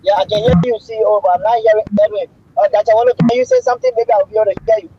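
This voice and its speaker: A man's voice: high voice, wildly swooping pitch, rapid-fire, noisy background. A man speaking as a panelist over a bad connection, his voice distant and garbled on the video call. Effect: bad connection, distant garbled call audio. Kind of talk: casual panel discussion. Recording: dull lo-fi video call with faint music.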